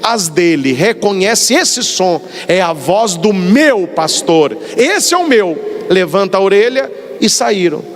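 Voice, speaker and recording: High, lively Brazilian priest preaching. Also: male voice, takes it slowly. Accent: Brazilian Portuguese. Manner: animated storyteller, acts out dialogues. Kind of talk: sermon. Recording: long hall reverb.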